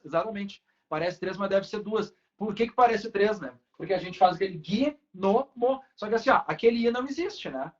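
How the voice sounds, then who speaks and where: A man, teaching a Portuguese class in a casual way and checking in with students often. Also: sits high. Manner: casual, talks to students with frequent tag questions. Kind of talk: online class lecture. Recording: dull lo-fi recording.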